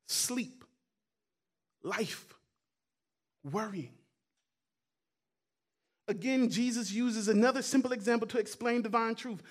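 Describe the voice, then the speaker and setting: A man preaching a sermon as a guest pastor, loud and emphatic in places and quiet in others, often repeating his words and phrases. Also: very high voice. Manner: preaching, swings between quiet asides and loud emphatic calls.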